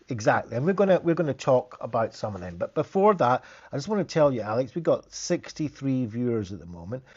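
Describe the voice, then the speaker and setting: A man's voice: mid-range voice, a little mellow, muffled recording. A man, a therapist hosting a casual live stream, talking in a chatty, rambling way with frequent restarts.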